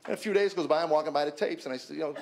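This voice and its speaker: Gravelly and rapid-fire, this fifty-something man tells his personal testimony to a gathering of men. He speaks with emphasis, repeats words whenever he stalls, and his voice climbs loud and high at the story's high points.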